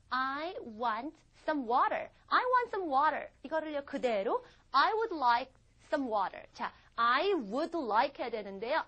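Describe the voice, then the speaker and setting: A woman's voice: high voice, fairly bright tone. A woman teaching English in an online lesson, explaining step by step and answering her own questions. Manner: switches into slow careful English example sentences.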